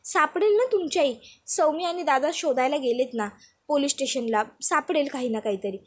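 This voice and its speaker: A woman's voice: sits high, normal speed, close to an everyday voice. A woman voicing a young sister-in-law who talks in a coaxing, reassuring way.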